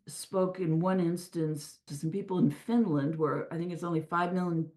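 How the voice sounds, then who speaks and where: A middle-aged woman talking as an interview guest, telling stories in an animated way with frequent restarts. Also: fairly low pitch. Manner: animated storyteller with many restarts. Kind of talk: casual interview talk. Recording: echoey room.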